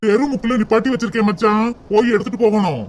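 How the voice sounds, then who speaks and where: A man voicing a polite, hurried young husband in a cartoon, with a matter-of-fact manner. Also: high voice, fairly even intonation, slight background noise, natural voice.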